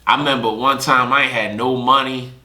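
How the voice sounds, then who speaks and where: In an echoey room with some background noise, a young man hosting a podcast tells casual stories at a brisk, medium-pitched clip. He's animated, voicing other people's lines as he goes.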